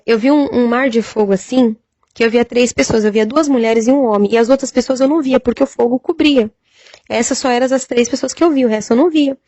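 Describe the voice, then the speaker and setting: A woman's voice: on the high side, darkish tone, no echo. Brazilian woman testifying a vision. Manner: halting, many fillers, cites Bible verses. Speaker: church sister giving testimony. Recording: dull lo-fi recording, dry sound.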